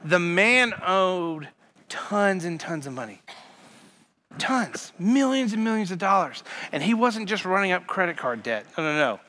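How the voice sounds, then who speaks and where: Bright, high-voiced preaching man. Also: very animated, a little slow. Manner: emphatic, repetitive preaching with sudden loud punches. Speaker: pastor. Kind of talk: sermon. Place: church sanctuary.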